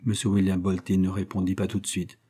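A man narrating a classic novel as an audiobook, in a measured, literary storytelling manner. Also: sits low, monotone, warm tone, slightly rough. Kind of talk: scripted narration.

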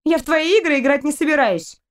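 A woman's voice: sits high, lively intonation, takes it slowly, a little mellow, pitched above the performer's own voice. A woman playing a indignant young girl. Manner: indignant, exclaiming.

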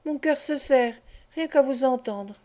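Woman reading as a sweet gentle young lady, soft and soothing, mellow higher voice, audiobook. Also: measured pace.

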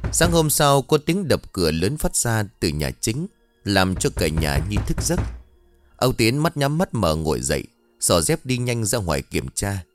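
A man narrating a story in an expressive, emotive reading. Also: fairly low pitch. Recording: dry with faint music.

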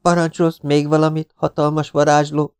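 A man's voice: little pitch movement, clear, resonant tone, dry recording, lightly acted. A man reading an audiobook voices a frightened, nervous male partisan in a raised, anxious voice. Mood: wondering. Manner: high, anxious, shouting warnings. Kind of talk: audiobook character voice.

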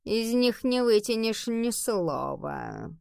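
A woman's voice: a little high, creaky, dry recording, full character voice. A laid-back tomcat teacher drawls his words at a lazy crawl, as a woman reads him in a storybook. He sounds unbothered by anything around him, and the voice is dry and close. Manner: relaxed, slow and drawling. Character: unhurried male cat, a visiting teacher.

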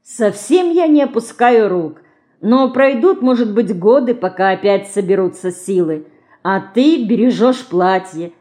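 A woman's voice: medium pitch, lively intonation, measured pace, pitched above the performer's own voice, close to an everyday voice. A woman voicing a practical, decisive aunt who speaks firmly and sharply in an audiobook. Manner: firm, sharp-tongued.

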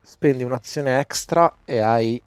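A man narrating as game master in a tabletop role-playing session, explaining rules and scenes in a relaxed way. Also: mid-range voice, unhurried, clear, resonant tone, dry recording, soft background music.

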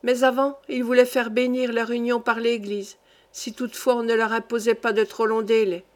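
A woman narrates a classic novel in audiobook style. Her reading is steady and measured, set in a fairly high voice. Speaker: audiobook reader.

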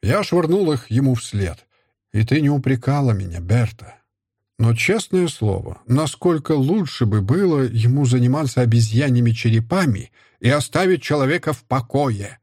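A bitter middle-aged scholar full of disgust and self-contempt, played by a male reader. His voice is husky and mid-pitched, and the dry, close sound gives every outburst an edge. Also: lively intonation, moderate pace, a little mellow, no room sound. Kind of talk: audiobook character voice.

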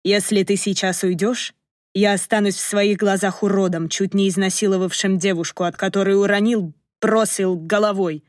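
A woman reading an audiobook and voicing a remorseful young man in a low, hushed, hoarse tone, speaking slowly and softly. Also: fairly even intonation, dry recording, clean studio sound, natural voice. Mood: pleading. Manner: slow, soft, pleading. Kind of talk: audiobook narration.

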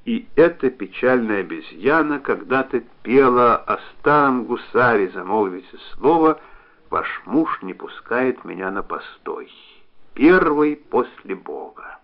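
A tired old sea captain, bitter and clipped, worn down and short of patience, as a male reader puts him on. The voice sits at an ordinary middle pitch. The sound is dull and muffled. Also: lively intonation, measured pace. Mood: weary, bitter. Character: weary, irritable old sea captain, man. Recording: dull lo-fi recording.

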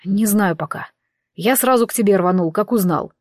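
A woman's voice: mid-range voice, moderate pace, darkish tone, no echo, close to an everyday voice. A worried, grim male friend who answers in short, subdued phrases, read by a woman narrator. Close and dry, with no room sound.

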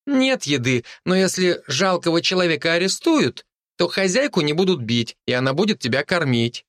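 A man voicing a brave, outspoken little village girl in an audiobook, talking in a shrill, indignant way. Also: very animated, moderate pace, a bit bright, no echo, clean studio sound.

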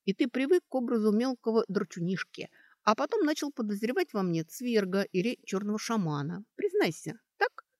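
A woman reading an audiobook, voicing a sharp-witted young girl student who talks in a brisk, mocking way as she reasons things out. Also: medium pitch, very animated, no room sound, studio quality, pitched above the performer's own voice, lightly acted. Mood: reasoning.

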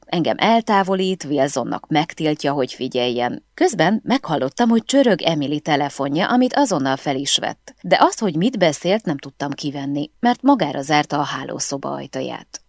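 A woman reading a first-person novel aloud as an audiobook narrator, with an expressive storytelling delivery. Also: deep voice, few pauses, no room sound, studio quality.

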